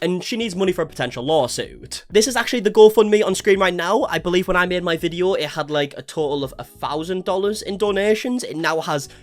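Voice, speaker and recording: Higher-pitched English man, chatty and sarcastic. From England. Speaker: YouTube commentator. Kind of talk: casual commentary video.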